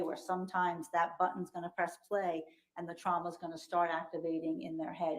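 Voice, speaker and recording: A woman giving expert testimony as a psychologist, explaining in measured, clinical terms, heard through a courtroom recording. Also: on the low side, low-quality recording. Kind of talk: courtroom testimony under questioning.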